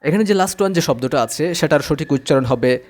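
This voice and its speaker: A man's voice: on the high side, expressive, quick pace. A man teaching English pronunciation, patiently repeating each word twice. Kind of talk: slow-paced pronunciation lesson.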